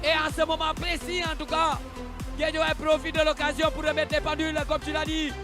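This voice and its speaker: A man's voice: very high voice, monotone, a little fast. A man co-commentating on football, emphatic and repeating his phrases as he analyses play. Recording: loud music and stadium crowd behind.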